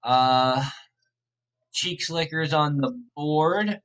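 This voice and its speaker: A man hosting a podcast thinks aloud during a fantasy draft, rambling in a laid-back way and correcting himself as he goes. His slightly raspy, tired voice is a little high and a bit bright, and he speaks very slowly.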